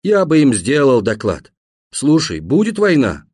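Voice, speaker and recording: A man reading an audiobook and voicing a deaf, bedridden grown man who talks loudly in a deep, husky voice. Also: wildly swooping pitch, a little slow, no room sound, studio quality, exaggerated voice. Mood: loud, gruff.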